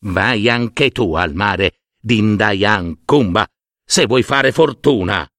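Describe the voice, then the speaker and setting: A man reading a storybook aloud, voicing a spiteful stepmother who speaks low and slow. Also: a bit bright, dry recording, clean studio sound. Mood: sly.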